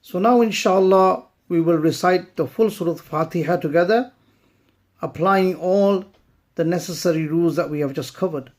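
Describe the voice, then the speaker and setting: A woman teaching recitation, chanting verses slowly and then explaining pronunciation rules in brisk spoken asides. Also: fairly low pitch, darkish tone. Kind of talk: slow tajweed lesson.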